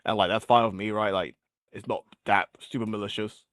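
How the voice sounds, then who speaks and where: A man's voice: on the low side, steady tone, fairly quick, a bit bright, dry recording, studio quality. A man as an interview guest, chatting casually and rambling with lots of filler words, his voice getting worn. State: losing his voice. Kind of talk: casual chat.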